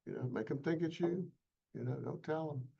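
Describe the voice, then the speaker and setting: A man's voice: on the high side, brisk, gravelly, warm tone, slightly rough, muffled recording. A man teaching a real estate licensing class in a casual webinar, chatting and joking with his students in a folksy way.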